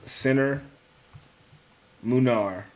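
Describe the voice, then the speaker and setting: Speaking extremely slowly in a medium-pitched voice, the young host talks through his sports picks aloud in a casual way. He corrects himself, swears now and then, and uses words like bro and dude.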